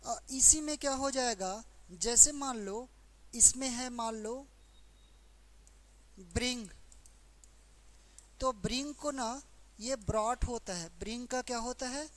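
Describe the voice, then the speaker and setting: Hindi-accented lady teacher going over verbs real slow, kinda high voice, keeps asking then answering herself. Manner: slow, repetitive explaining with questions to students. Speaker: English teacher. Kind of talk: exam-prep grammar lesson.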